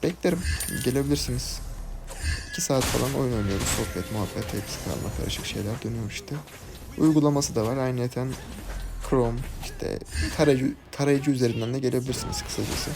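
A young man, casually commenting his own ranked game, excitable and chatty with teammates and viewers. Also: mid-range voice, a little fast, creaky. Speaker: gaming YouTuber. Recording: game music behind the voice.

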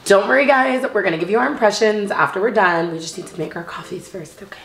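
In a fast, medium-pitched voice, a young lifestyle vlogger chats from her home kitchen, addressing her audience as babes and honey with bubbly energy. There's a slight hiss or hum, plus echo and gentle background music in the room.

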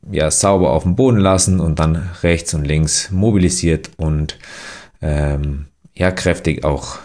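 A young man giving relaxed voice-over instructions for a mobility workout, with many fillers and restarts. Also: sits low. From Germany. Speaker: athlete demonstrating exercises.

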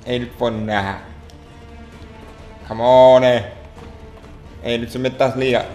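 A man with a flat, slightly mellow, medium-pitched voice hosts a let's play, muttering and grumbling at the game in exasperation. Soft music plays in the background, and the room sounds echoey.

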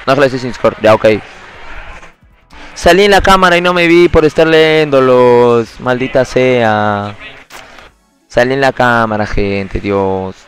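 A man's voice: mid-range voice, a little slow, fairly bright tone, soft background music. A young man with a Peruvian Spanish accent, streaming live and chatting casually with jokes, teasing and a lot of laughter. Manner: joking, teasing banter with frequent laughter.

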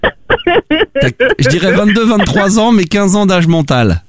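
A man's voice: high voice, huge pitch swings, slow pace, no echo. Teasing young male prank caller. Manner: teasing, mocking, laughs a lot. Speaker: radio prank-call host. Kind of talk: prank call banter.

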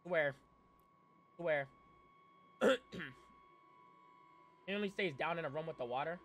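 This young adult man speaks slowly at a fairly high pitch, slightly bright, with a little background hiss or hum. During a casual live horror-game stream he reacts and talks to chat in slang, pleading over and over in exasperation. He clears his throat often, and the strain in his voice suggests he's coming apart.

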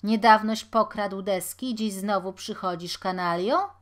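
A woman doing a loud gruff watchman. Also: medium pitch, a little slow, close to an everyday voice. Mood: hostile. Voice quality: thick, coarse voice. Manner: loud, threatening, shouting. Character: burly gruff male watchman, hostile. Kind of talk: audiobook character voice.

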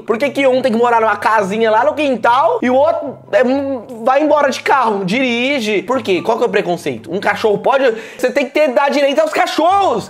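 A young Brazilian man hosting a reaction video, ranting in mock indignation and firing comic questions at cartoon characters. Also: very high voice. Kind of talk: comedic reaction commentary.

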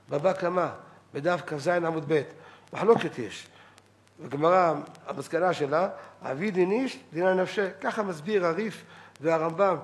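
A middle-aged man delivering a halachic lecture as a rabbi, animated and repeating words for emphasis. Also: a little high. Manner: animated, quotes others in acted voices, repeats words for emphasis. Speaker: rabbi giving a weekly Torah lecture. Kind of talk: Saturday-night halachic lecture.

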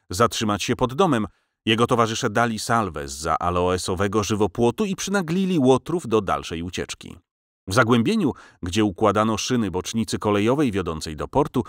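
A man narrates a novel for an audiobook in a low voice with lively, rolling intonation. His storytelling is measured and expressive. The close studio mic gives a dry, roomless sound. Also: no room sound. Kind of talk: scripted literary narration. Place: recording studio.

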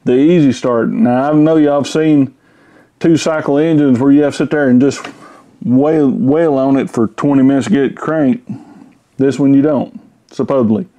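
A man's voice: mid-range voice, fairly even intonation, moderate pace, dark tone. A man, casually reviewing a chainsaw in his home garage, talking in a folksy, rambling way with fillers. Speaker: tool reviewer. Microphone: camera-mounted mic.

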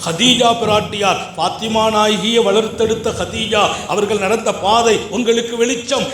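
A man giving a sermon, moving between soft storytelling and loud, rising exhortation. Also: high voice, fairly even intonation, normal speed, reverberant, slight background noise. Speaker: Islamic preacher.

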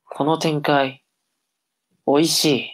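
A woman's voice: deep voice, level tone, slow pace. A woman voicing a cocky, teasing young older brother in a comic tongue-twister reading drama. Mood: playful.

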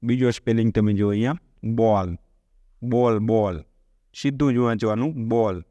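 A man's voice: on the low side, moderate pace, dark tone, no echo. A man with a Gujarati accent teaching a spoken English lesson, explaining step by step and putting questions to his listeners.

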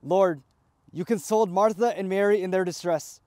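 Priest, male, high voice, measured recitation of funeral liturgy, dry sound. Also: darkish tone, no echo. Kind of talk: graveside funeral rite.

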